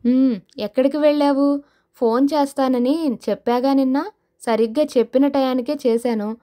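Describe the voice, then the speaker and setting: A sinister anonymous caller in a storybook thriller, mocking and menacing as the threats are laid out slowly over the line, as a woman narrator puts the voice on. The voice sits fairly high and keeps its taunting edge. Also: fairly even intonation, dark tone, close to an everyday voice.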